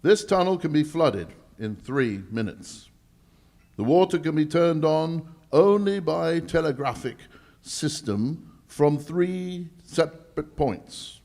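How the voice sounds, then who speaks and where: An actor playing a proud, easily exasperated English lord in charge of a bank vault, speaking formally in a 1940s radio drama style. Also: male voice, on the high side, animated, darkish tone. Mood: formal explaining. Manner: emphatic, deliberate, formal, slightly halting. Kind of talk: 1940s radio drama acting, performed live.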